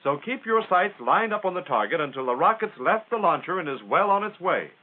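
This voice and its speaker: With a high-sitting voice, lively intonation, and a brisk delivery, an American man narrates a 1940s military training film. He keeps it plain-spoken and instructional, using folksy phrasing, and the recording is a tinny, band-limited 1940s film soundtrack.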